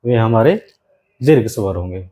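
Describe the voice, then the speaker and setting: A male grammar teacher giving an exam-prep lesson. He repeats key phrases slowly for students to write down and keeps calling the class "my friend". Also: on the low side, animated, mellow, rough recording.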